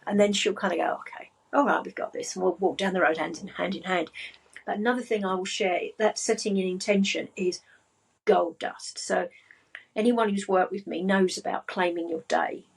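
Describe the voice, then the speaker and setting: A woman with a soft, breathy voice talks at an unhurried, grounded pace. She speaks as a podcast guest and coach, calm and settled throughout. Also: fairly low pitch, rough recording. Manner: slow, calm and grounded delivery. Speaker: spiritual business and money coach, guest. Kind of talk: casual podcast chat.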